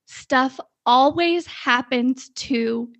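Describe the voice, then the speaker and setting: A woman's voice: sits high, very slow, fairly bright tone, dry recording. A woman co-hosting a casual chat show, a rambling storyteller who goes off on tangents, recorded with a dull, slightly lo-fi sound. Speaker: podcast co-host.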